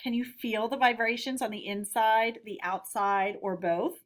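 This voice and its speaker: An American elementary teacher with a fairly high voice leads children through a read-aloud lesson, speaking a little slowly. Her questions and explanations are simple and clearly phrased.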